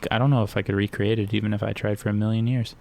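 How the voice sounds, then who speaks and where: A man's voice: on the low side, level tone, racing, creaky, a little mellow. A young man giving casual, rambling commentary while playing a video game, cracking crude jokes as he goes. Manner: rambling, joking, crude humor. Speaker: gaming streamer.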